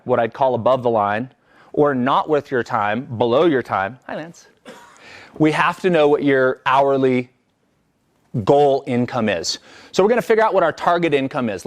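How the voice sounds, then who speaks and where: Running a live business coaching workshop, a man talks with energy and a conversational ease, checking in with the group as he goes. His voice leans toward the high side.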